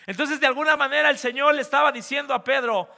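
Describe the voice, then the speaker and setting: Brief: male pastor, high and bright, preaching in an animated way in a reverberant church hall. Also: quick pace, creaky. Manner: animated, swings between loud and hushed, talks straight to the congregation. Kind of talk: sermon. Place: church sanctuary.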